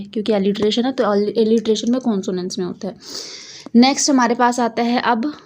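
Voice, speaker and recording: A woman teaching English poetry in a mix of Hindi and English, her voice sitting a little high. She keeps circling back, repeating points and asking her students questions before answering them herself. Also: darkish tone. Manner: repetitive, coaxing, asks and answers own questions. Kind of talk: Hindi-English classroom explanation.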